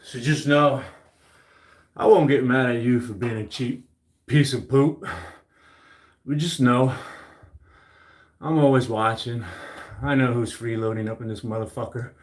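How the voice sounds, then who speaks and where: A man's voice: mid-range voice, steady tone, a little slow, pauses often. A man talking casually while he works out at home, cursing often and boasting bluntly. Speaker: fitness livestreamer. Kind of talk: casual workout chat. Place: home gym. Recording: roomy echo.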